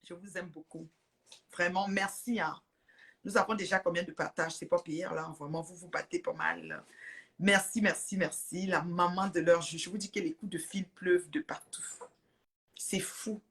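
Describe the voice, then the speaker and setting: A woman's voice: fairly low pitch, steady tone, normal speed, fairly bright tone. Chatty woman hosting a live stream. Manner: chatty, laughs often, greets viewers. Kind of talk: casual live stream chat. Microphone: phone or webcam on a live stream.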